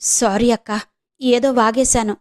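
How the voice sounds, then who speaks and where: A woman's voice: on the high side, fairly even intonation, unhurried, darkish tone, natural voice. A woman voicing a young student who defends herself and pleads with her elder sister, in a storybook reading. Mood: defensive.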